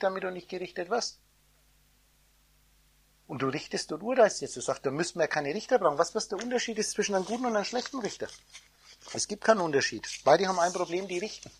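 A woman giving an esoteric sermon, preaching in the first person as God, her loudness swinging between soft and loud. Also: lowish voice, animated, a little fast, husky. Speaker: spiritual teacher.

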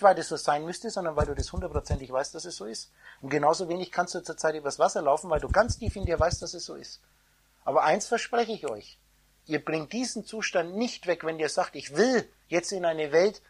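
A woman giving an esoteric sermon, preaching in the first person as God, her loudness swinging between soft and loud. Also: sits low, breathy edge. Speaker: spiritual teacher.

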